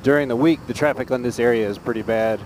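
Guy motovlogging from inside his helmet, regular pitch, chatting casually over road noise. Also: fast talker. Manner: talking from inside a motorcycle helmet while riding. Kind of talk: casual vlog narration while riding. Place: on a motorcycle on a highway, outdoors. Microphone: mic inside a helmet. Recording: noisy helmet mic, clear road noise. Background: vehicle and road noise.

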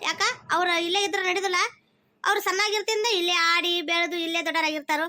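A woman's voice: very high voice, quick pace, sharp tone. A woman voicing a young village daughter in a cartoon, with a North Karnataka Kannada accent and a plaintive, questioning manner. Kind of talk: cartoon voice acting.

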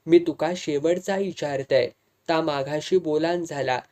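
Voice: mid-range voice, measured pace, warm tone, close to an everyday voice. A reader voicing a hot-tempered young village man with a Malvani accent, pressing insistently in an audiobook. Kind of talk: audiobook dialogue reading.

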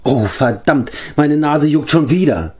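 A man's voice: fairly high pitch, lively intonation, unhurried, warm tone, voice pushed up. A scatterbrained, cheerful wandering bard from a read-aloud storybook, put on by a man. He sounds flustered and chatty, in a voice lifted above the reader's own.

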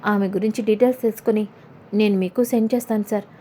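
A woman's voice: mid-range voice, fairly even intonation, fast, dark tone, a little hiss or hum, close to an everyday voice. A woman voicing a dutiful male assistant in a retold serial, speaking deferentially.

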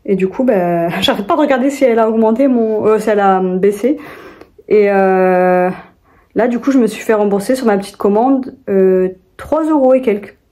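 A woman's voice: medium pitch, normal speed, dark tone. A young woman, chatting casually to viewers in a rambling vlog, with many fillers and restarts. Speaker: vlogger.

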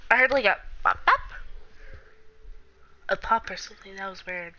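A woman's voice: medium pitch, normal speed, sharp tone, low-quality recording. A woman chatting casually and scatteredly, thinking aloud and giggling, sometimes dropping to a mutter while she checks her phone. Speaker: roleplay fan vlogger. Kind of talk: casual rambling chat.

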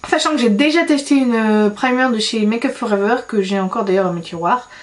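A woman's voice: a little high, a little fast. Chatty French-speaking beauty vlogger woman. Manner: chatty, filler-heavy, self-mocking. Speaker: beauty YouTuber. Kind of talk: casual vlog chat.

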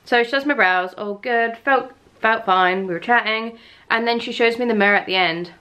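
A woman in her thirties chatting to camera at home as a lifestyle vlogger, telling stories in a lively way and laughing often. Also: on the high side, moderate pace. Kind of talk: casual vlog chat to camera.

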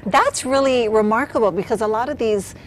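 A woman's voice: fairly high pitch, brisk, slight background noise, rough recording. Teasing woman morning TV host. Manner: bright, teasing, laughs often. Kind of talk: live TV hosting. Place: TV studio set.

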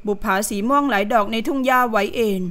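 A woman's voice: a little high, quick pace, fairly bright tone. Woman narrating a period romance audiobook.

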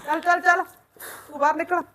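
A woman's voice: extremely high pitch, flat delivery, a little fast, sharp tone. A woman playing a bossy, nagging village mother-in-law in a comedy skit, with a Malwai Punjabi accent. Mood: scolding. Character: scolding middle-aged village mother-in-law.

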